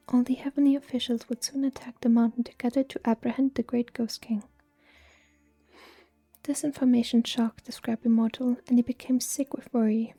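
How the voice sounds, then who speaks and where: A woman reading a story aloud in a slow, hushed, even ASMR whisper. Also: on the high side. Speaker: reader.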